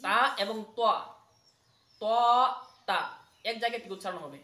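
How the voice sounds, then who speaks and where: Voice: medium pitch, moderate pace, pushed and bright. A patient Quran recitation teacher giving a pronunciation lesson to a child, repeating each sound and having it echoed back. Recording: echoey room.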